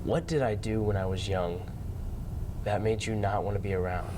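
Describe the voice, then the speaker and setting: A man's voice: fairly even intonation, normal speed, natural voice. An actor playing a frustrated young man pressing his father for answers. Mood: strained. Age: young adult. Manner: earnest and pressing, low-key. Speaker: grown son. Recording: noisy background.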